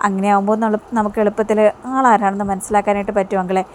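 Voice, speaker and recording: A woman voicing a sensible young woman who reasons gently in a TV-serial retelling. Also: medium pitch, little pitch movement, racing, a little hiss or hum, close to an everyday voice. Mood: concerned. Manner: caring, reasoning.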